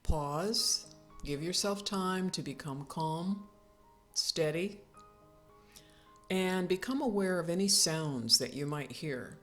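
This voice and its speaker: A woman with a low-sitting voice instructs a guided yoga nidra relaxation. She speaks soothingly and slowly, pausing between calm directions.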